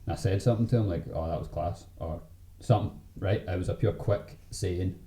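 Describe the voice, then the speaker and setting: A man's voice: deep voice, brisk, dark tone. A man with a broad Scottish accent, chatting casually in slang and swearing as he shares anecdotes. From Scotland. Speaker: podcast host. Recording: roomy echo with background noise.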